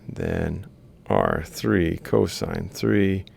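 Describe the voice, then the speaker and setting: This university lecturer's screen-capture lesson has him explaining step by step and reading values bit by bit as he writes and thinks aloud. His voice is low, gravelly and slightly rough, with a darkish, steady tone and an extremely slow pace.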